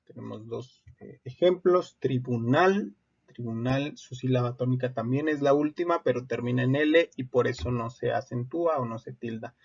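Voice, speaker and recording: A man with a gravelly, creaky voice walks through rules as an instructor. He explains steadily and often pauses on "eh". The recording sounds dull and lo-fi. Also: medium pitch. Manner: explanatory, steady, many "eh" fillers. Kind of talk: recorded legal-writing lesson.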